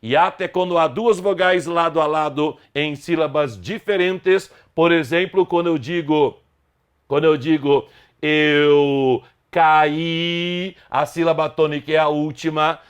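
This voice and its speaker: An older man teaching a Portuguese grammar lesson, slowly repeating example words one by one in a deliberate way. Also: fairly high pitch, clean tone.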